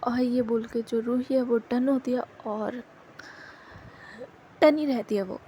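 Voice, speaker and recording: Woman storyteller, casual narration, mixes in English words, self-corrects, fairly high, mellow. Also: a little hiss or hum, low-quality recording.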